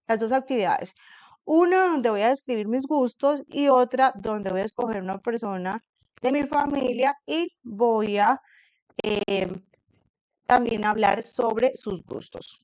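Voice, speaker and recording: A woman teacher explaining a class assignment to her students in a patient way, reading English example sentences slowly and carefully. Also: a little high, darkish tone, dry recording, poor audio. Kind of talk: recorded online class explanation. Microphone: computer screen recording.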